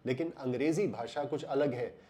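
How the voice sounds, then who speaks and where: An Indian man explaining English pronunciation in a voice-over lesson, slowing down and drawing out words to stress them. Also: medium pitch, mellow.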